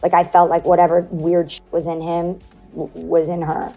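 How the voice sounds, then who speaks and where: A woman's voice: fairly low pitch, little pitch movement, normal speed, dark tone, soft background music. A woman interview guest telling a personal story in casual talk, acting out quoted dialogue and using many fillers.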